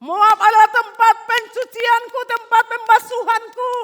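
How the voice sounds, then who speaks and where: A woman preacher voicing God as a mighty, triumphant divine king, proclaiming slowly and loudly. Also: little pitch movement, in a large hall. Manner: booming, drawn-out proclamation.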